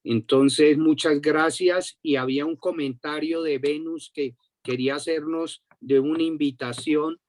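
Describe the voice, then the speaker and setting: A man wrapping up a group meeting with slow, encouraging, slightly hesitant remarks. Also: a little high, fairly even intonation. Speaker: meeting facilitator.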